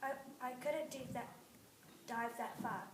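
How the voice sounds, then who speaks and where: A woman's voice: on the high side, takes it slowly. A woman reading aloud and voicing a sleek, vain male otter. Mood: eager. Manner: vain, eager. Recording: roomy, distant mic, faint noise.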